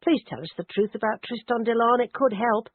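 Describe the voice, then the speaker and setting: A woman narrator voicing a self-assured middle-aged woman detective who talks in a brisk, insistent way. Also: a little high, slightly rough, no room sound, voice pushed up. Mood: firm. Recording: dry, narrowband phone-like audio.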